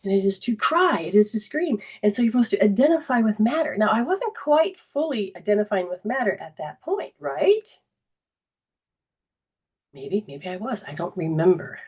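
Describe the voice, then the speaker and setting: A woman soul coach telling a personal story in a coaching talk, animated and full of restarts. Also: mid-range voice, normal speed, slightly rough, recorded from a distance.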